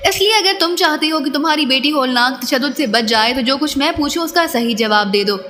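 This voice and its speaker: A ruthless male spy interrogator, icy and threatening, as a woman puts him on in her own high voice. Her words hang in a long, reverberant echo. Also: animated, brisk, sharp tone, slight background noise. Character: cold, menacing male intelligence major.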